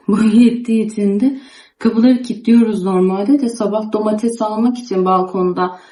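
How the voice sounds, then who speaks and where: Young woman home vlogger, chatty and indignant, mid-pitched voice. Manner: animated, indignant retelling with many quoted asides. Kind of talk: casual storytelling chat to camera.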